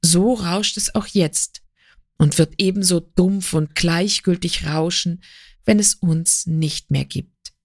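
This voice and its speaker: A woman narrating a literary story as an audiobook in a calm, measured way. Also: lowish voice, no room sound, clean studio sound.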